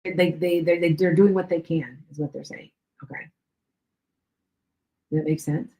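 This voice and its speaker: A middle-aged woman, a psychic medium with a Chicago and Wisconsin accent, reads for viewers on a live stream in a deep, mellow, steady voice at normal speed. She's chatty and repetitive, frequently checking that her words make sense, and the room is echoey.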